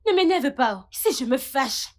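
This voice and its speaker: A high-voiced brazen seductress. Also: female voice, lively intonation, a little slow. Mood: defiant. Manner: taunting, mocking laughs. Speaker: character in a dubbed film. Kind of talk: dubbed film acting.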